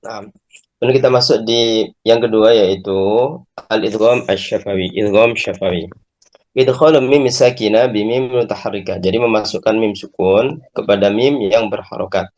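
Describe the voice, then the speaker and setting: A man's voice: on the low side, slow, darkish tone, muffled recording. A man interpreting a religious lesson phrase by phrase, tagging his lines with a short confirming "ya". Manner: translates phrase by phrase, tags lines with "ya".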